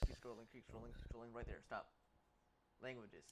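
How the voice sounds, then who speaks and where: A man's voice: medium pitch, brisk. A man talking casually as a player in a tabletop role-playing game. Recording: clearly noisy with clicks.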